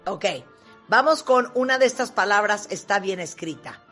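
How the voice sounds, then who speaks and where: Husky woman, self-deprecating host. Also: mid-range voice, animated, moderate pace, a bit bright, soft background music. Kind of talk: casual chat.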